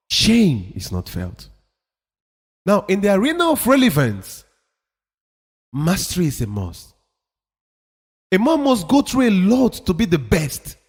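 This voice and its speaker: A man with a high voice gives a motivational talk, his pitch swinging widely as he presses his points. He talks in an emphatic, preachy way and repeats phrases for effect. A long reverb hangs on the sound, as in a hall. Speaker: motivational speaker.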